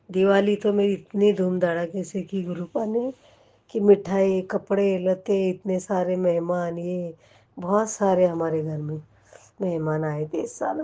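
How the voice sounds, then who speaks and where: A woman's voice: mid-range voice, dark tone, muffled recording. A middle-aged woman giving an emotional devotional testimony to a congregation, often turning to address her listeners directly.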